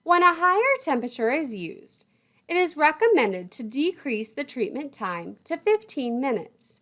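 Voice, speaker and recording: With a fairly high, slightly bright voice, a woman lecturer reads scripted instructional material. She works through it methodically and didactically, setting out terms and lists one at a time.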